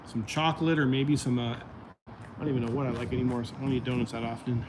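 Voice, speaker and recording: A man chats loosely to his livestream viewers, rambling from one thought to the next. His voice sits at an ordinary middle pitch and is starting to go out. Steady traffic and street noise come through clearly behind him. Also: fast. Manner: rambling, chatty, addresses viewers directly. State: voice going out. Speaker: livestream host. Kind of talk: casual livestream chat.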